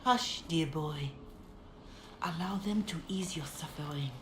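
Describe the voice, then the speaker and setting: An actress playing a calm, compassionate middle-aged holy mother in a fantasy video game, speaking in a measured, gentle, solemn way. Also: low-pitched. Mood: soothing, firm. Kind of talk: dramatic video game dialogue. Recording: roomy echo, background ambience noise.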